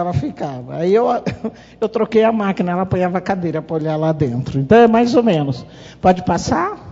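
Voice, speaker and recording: Middle-aged woman, brazilian accent, husky voice, lively storytelling with acted-out quotes, dull lo-fi hall recording. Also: medium pitch. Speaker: mother and parent-association speaker. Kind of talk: public talk at a family meeting. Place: conference hall. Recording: reverberant hall, dull lo-fi sound.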